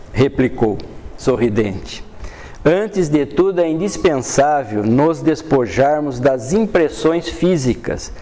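Older Brazilian man, study-group teacher, mellow tone, calm reading and explaining. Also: a little high, a little hiss or hum. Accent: Brazilian Portuguese. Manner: reads passages then explains them in a calm, unhurried way, with frequent "né". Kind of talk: reading aloud and explaining a spiritist book. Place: dim classroom with a projector screen.

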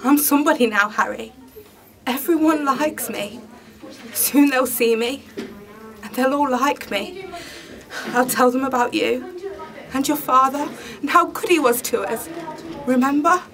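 A woman auditioning as a hopeful middle-aged mother who longs to be liked, giving an earnest, steady monologue. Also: sits high, unhurried, long pauses, a crowd in the background. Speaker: auditioning actress. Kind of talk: audition reading.

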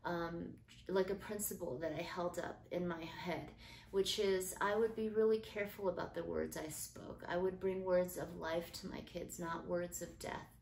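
A middle-aged woman hosting a podcast, talking in a casual, earnest and gentle way about parenting and faith. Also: lowish voice, steady tone, moderate pace, vocal fry, a little hiss or hum. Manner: earnest, gentle, uses fillers like um. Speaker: podcast host. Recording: echoey room with faint ambience.

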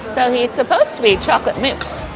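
Slightly high-pitched and lively, a woman talks at a moderate pace over poor audio while reviewing buffet food to camera. She eats and chats casually, playfully exclaiming, inside a busy restaurant where crowd chatter and music can be heard.

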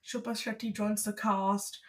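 A young woman raised overseas co-hosts a relaxed podcast in a mid-range voice. She explains things at length, filling pauses with ums, and slips in dry jokes. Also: mid-range voice, rough recording. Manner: explanatory, many "um" fillers, dry humor. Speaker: podcast co-host. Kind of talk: casual chat.

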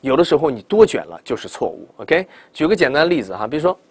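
Man, middle-aged, pronunciation teacher, animated, slow demonstrations, rhetorical questions, dry close sound. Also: fairly high pitch, slightly rough, no room sound. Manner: animated, demonstrates words slowly and repeatedly, asks rhetorical questions. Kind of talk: classroom lecture.

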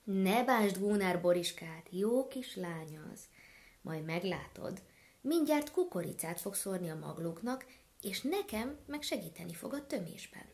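A woman voicing a calm, kindly farmwife who patiently explains things in a storybook tale. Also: medium pitch, natural voice. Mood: reassuring.

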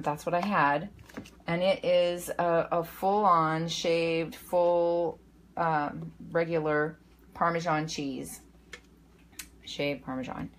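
A woman's voice: lowish voice, a bit bright, a little hiss or hum. A middle-aged woman casually talking through her packed meals at a kitchen counter, rambling with fillers and self-corrections. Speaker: weight-loss vlogger. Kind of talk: casual meal-prep walkthrough. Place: home kitchen counter, indoors.

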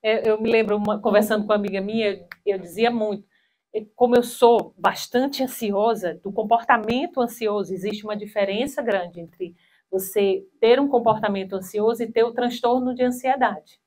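A woman in her thirties giving a spiritual talk with personal stories on a handheld mic in a small hall, animated and acting out quoted voices. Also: mid-range voice, normal speed.

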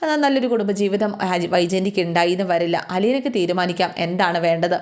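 A woman's voice: fairly low pitch, quick pace, a little mellow, close to an everyday voice. A woman voicing a weary older man lying in a hospital bed, speaking in a grave, resigned way.

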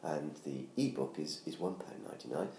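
Sitting in his living room next to a Christmas tree, a middle-aged UK man makes a casual promo for his book. His rumbling low, dark voice is hoarse from laryngitis, animated and a little fast, with frequent ums and restarts. The tablet camera at close range records roomy home sound and faint noise.

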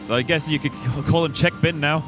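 A man's voice: fairly high pitch, a little fast, over music. A man giving live sports commentary as a fight commentator.

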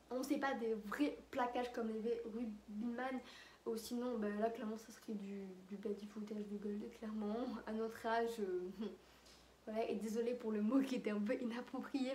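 A woman's voice: a little high, dark tone, slight background noise. A teenage girl chatting casually to her viewers, full of fillers and asides. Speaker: vlogger. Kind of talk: casual chat to camera. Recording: echoey room with faint ambience.

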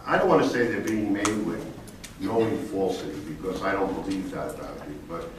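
A man's voice: low-pitched, lively intonation, fairly quick. A man serving as town supervisor, answering a resident at a public meeting in a defensive, lawyerly way and repeating his denials. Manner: defensive, lawyerly, repeats himself while rebutting. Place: large echoey public meeting hall. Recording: echoey hall, distant mic, audible room noise.

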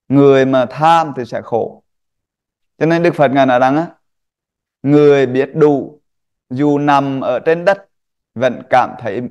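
Guy giving a buddhist dharma talk online, slow lists, keeps asking right?. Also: fairly high pitch, a little mellow, clean tone. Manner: repeats rhetorical questions, lists points slowly.

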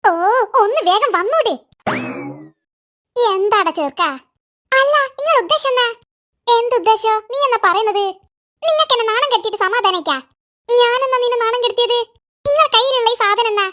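A performer doing squeaky cartoon family voices. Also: moderate pace, pauses often, sharp tone. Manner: squeaky, sped-up cartoon voice bickering in comic quarrels. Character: squabbling cartoon kids and their mother, all shrill and silly.

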